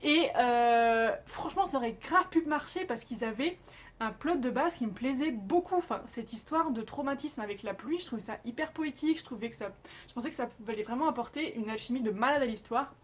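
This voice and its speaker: A woman's voice: on the high side, animated, a little fast, slightly rough. A young woman chatting casually as she reviews TV dramas, emphatic, with frequent filler sounds.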